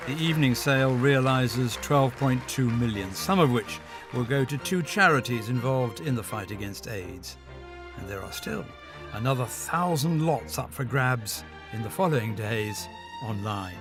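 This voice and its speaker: A man reading a scripted news documentary voice-over in a measured, deliberate way, pausing for effect. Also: medium pitch. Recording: music and crowd under voice-over.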